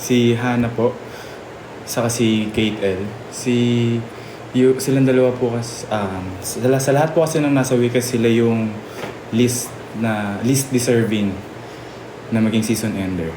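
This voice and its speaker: A young man nominating fellow housemates, halting and full of fillers and restarts. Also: mid-range voice. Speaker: reality show housemate. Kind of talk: nomination confessional. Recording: echoey room with steady noise.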